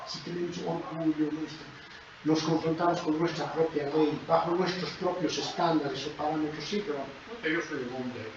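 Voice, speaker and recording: A man preaching a sermon in a church, emphatic and dramatic, dropping to soft asides and rising to loud exclamations. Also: fairly high pitch. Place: church hall. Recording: echoey church, dull lo-fi sound, noisy.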